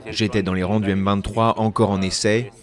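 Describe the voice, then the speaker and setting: A man from Rwanda, a detained soldier, giving testimony in a slow, halting way. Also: fairly low pitch, level tone. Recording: loud crowd behind.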